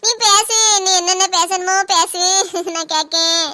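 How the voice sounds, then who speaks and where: A woman voicing a sharp-tongued, nagging older mother-in-law in a cartoon, speaking with an in a sarcastic, scolding way. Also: very high voice, fairly even intonation, measured pace, a little hiss or hum, heavily acted. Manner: sarcastic, scolding, fake-wailing.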